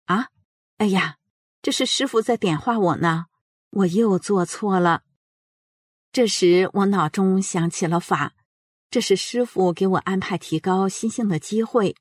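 A woman, reading aloud a personal story in an earnest, measured way. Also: fairly low pitch, darkish tone, no room sound, clean studio sound. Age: 70s. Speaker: narrator of a personal account.

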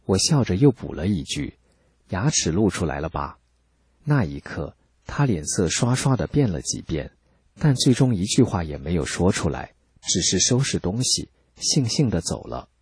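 A man calmly reading a first-person account as scripted narration, measured and steady. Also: low voice, slightly rough, no room sound. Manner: calm, measured storytelling.

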